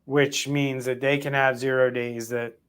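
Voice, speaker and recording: A man hosting a cybersecurity podcast in a casual, animated way, with lots of fillers and restarts. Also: mid-range voice, unhurried, smooth. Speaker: podcast host.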